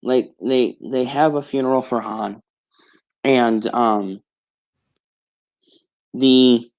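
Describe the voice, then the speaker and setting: A man's voice: mid-range voice, fairly even intonation, drawn-out words, a little mellow. A man streaming alone, retelling a story in a rambling casual way with many restarts and self-corrections. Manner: casual, swears offhandedly.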